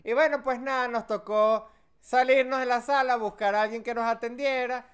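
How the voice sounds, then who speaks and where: Man, Venezuelan Spanish accent, casual podcast chat, animated storyteller, smooth clear voice. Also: very high voice, moderate pace. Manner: animated storytelling, acts out quotes. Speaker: podcast co-host.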